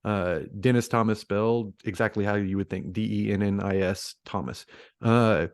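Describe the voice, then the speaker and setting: A man co-hosting a podcast, telling a story in a relaxed, casual way with restarts and fillers. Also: fairly low pitch, moderate pace, clean tone, no room sound, studio quality. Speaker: podcast co-host. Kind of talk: casual chat.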